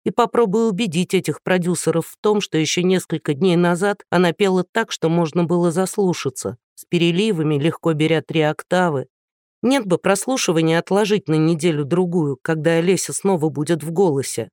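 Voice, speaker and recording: A man with a fairly high voice narrates an audiobook, steady and lightly ironic. The recording is dry and close, with no room sound. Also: fairly quick, no room sound. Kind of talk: scripted narration.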